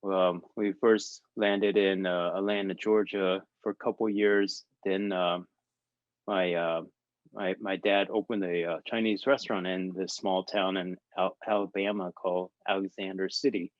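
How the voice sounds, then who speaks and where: A man from Taiwan, answering interview questions in a halting way with many fillers and restarts. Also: low-pitched, level tone, no echo. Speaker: guest artist. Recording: dull lo-fi dry sound.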